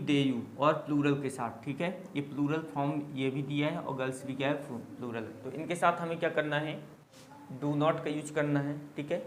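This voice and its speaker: A man's voice: a little high, a little hiss or hum. A man teaching an English grammar lesson to a class, drilling sentences one by one and often checking in with "okay". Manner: drills sentences slowly, repeating "ठीक है". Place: classroom with students. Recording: echoey classroom with loud students.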